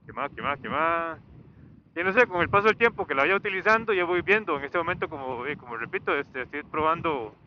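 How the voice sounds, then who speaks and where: This motorcycle vlogger is out on the highway, talking expressively and fairly fast in a fairly high voice. His unscripted chat wanders, stalls, and doubles back, and his helmet intercom mic sounds muffled against faint engine and road sounds.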